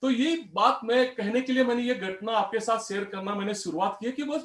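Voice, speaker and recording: High-voiced middle-aged male motivational speaker. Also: a little fast, fairly bright tone, echoey room. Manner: anecdotal, addresses the audience as friends. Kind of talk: storytelling motivational speech.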